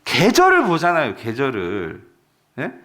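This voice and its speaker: A male pastor preaching a sermon, animated and constantly questioning his congregation. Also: mid-range voice, a little slow. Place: church sanctuary.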